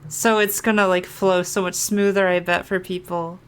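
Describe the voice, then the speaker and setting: With a lowish, level voice and a clean tone, a young adult woman streamer narrates her gameplay at a moderate pace. Her talk is casual and rambling, like thinking out loud, over faint game music.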